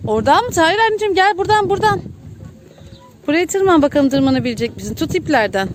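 Playful high-voiced mother cheering her child. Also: a little hiss or hum. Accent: Turkish. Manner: playful, coaxing, counting and cheering. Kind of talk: casual chat with a toddler. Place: outdoor playground.

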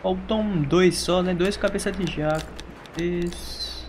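A man with a Brazilian accent, a gaming YouTuber giving chatty, excitable gameplay commentary and laughing often. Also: sits high, slow pace. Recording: noisy background.

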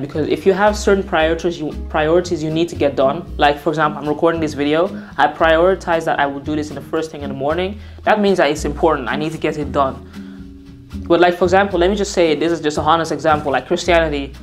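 A young woman talking casually to camera as a vlogger and designer, candid and rambling, often correcting herself mid-sentence. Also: sits low. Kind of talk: casual to-camera vlog talk.

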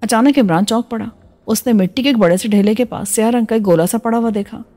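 Mellow-voiced woman reading a novel. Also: a little high, quick pace. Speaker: audiobook narrator. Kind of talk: scripted narration of a spy novel. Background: soft music.

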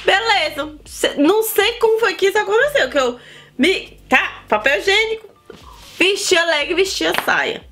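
A woman from Brazil with a northern Brazilian accent, telling a personal story to her viewers in a chatty, animated vlog. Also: very high voice, normal speed, soft background music. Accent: Brazilian Portuguese, northern. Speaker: vlogger. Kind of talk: casual storytelling to camera.

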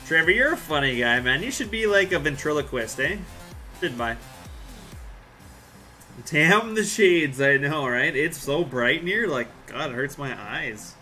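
A man's voice: a little high, lively intonation, measured pace, pushed and bright, soft background music. A man, live streaming a farming game and chatting casually with viewers in a rambling, joking way. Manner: laid-back, rambling, joking with chat.

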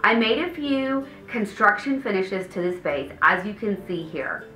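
Bright, polished woman host in a roomy space. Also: mid-range voice, lively intonation, a little slow. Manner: polished, enthusiastic, upbeat. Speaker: home design host. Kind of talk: scripted presentation to camera. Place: indoor studio set with paneled wall. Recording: roomy echo, faint background music.

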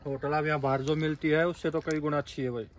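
A man's voice: fairly high pitch, fairly even intonation, brisk. A man on a road trip chatting casually outdoors by a car at night, chiming in with short remarks. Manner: easygoing, chimes in with short remarks. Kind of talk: casual travel vlog chat. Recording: outdoor street noise.

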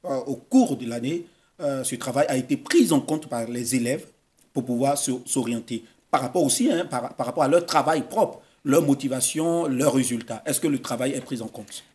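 A man's voice: mid-range voice, moderate pace, darkish tone. A young man with an Ivorian French accent, hosting a studio TV interview and asking insistent, probing questions. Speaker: TV host. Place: TV news studio. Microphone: desk microphone.

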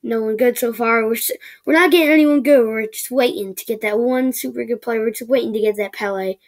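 A woman giving excitable, chatty commentary while opening packs in a video game, often stammering. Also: fairly high pitch, fairly quick. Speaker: gaming video creator. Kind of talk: casual gaming commentary.

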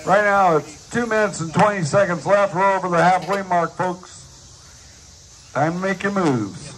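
At an outdoor dirt track, a male announcer calls a live race over the PA, and the recording is noisy. His voice is high and fairly bright, and he speaks a little slowly.

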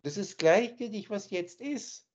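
A man's voice: sits high, lively intonation, measured pace, a little mellow, slight background noise. A man teaching in an emphatic, scornful lecturing manner, speaking over a video call. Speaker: spiritual teacher. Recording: dull lo-fi online call audio.

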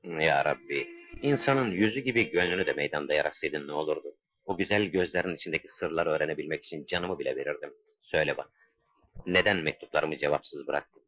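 Passionate, resolute young officer: low, solemn declamation, vintage film sound. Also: male voice, brisk. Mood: ardent pleading. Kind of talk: melodramatic old Turkish film acting. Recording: dull old dubbed film soundtrack.

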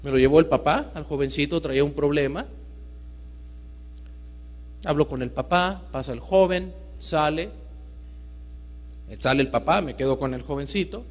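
A man giving a live talk to an audience, swinging between loud emphatic bursts and hushed storytelling. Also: a little high, normal speed, pauses often. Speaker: motivational speaker. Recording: reverberant hall with mains hum.

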